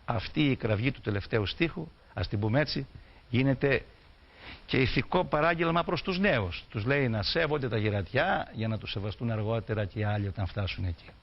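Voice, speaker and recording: A man giving an explanatory lecture on folk songs, reciting dialect verses and then explaining them plainly. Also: medium pitch. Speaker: folklore lecturer. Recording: dull lo-fi recording.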